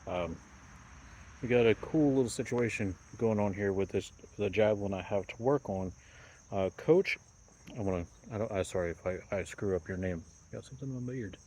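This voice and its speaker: A man in his thirties giving a casual, halting how-to vlog outdoors in a backyard, often pausing and correcting himself. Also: on the low side, darkish tone, low-quality recording. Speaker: javelin repairer presenting a video. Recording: clear outdoor noise, insects and ambience.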